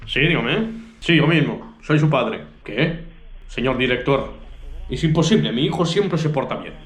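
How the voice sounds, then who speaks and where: A man's voice: medium pitch, lively intonation, unhurried. A man in a comedy sketch, sternly scolding his son as an indignant father. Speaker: comic actor playing a 1970s father. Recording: echoey room with faint noise.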